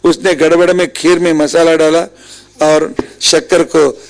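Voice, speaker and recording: Slow, gravelly Indian man telling scripture stories. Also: a little high, level tone, low-quality recording. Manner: storytelling with quoted dialogue, unhurried. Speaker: religious storyteller. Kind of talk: devotional scripture discourse.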